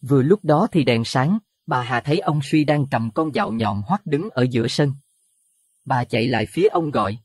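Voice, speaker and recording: A man narrating a Buddhist horror audio story in an expressive, dramatic way. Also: medium pitch, normal speed, breathy edge, dry recording, studio quality. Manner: expressive, rising to alarm at scary moments.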